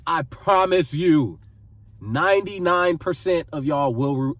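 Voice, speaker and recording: A man in his twenties, a vlogger offering life advice, speaks earnestly to camera in a slightly high, slightly slow voice. He pleads and repeats phrases for emphasis. The audio has no room sound and seems recorded from a distance.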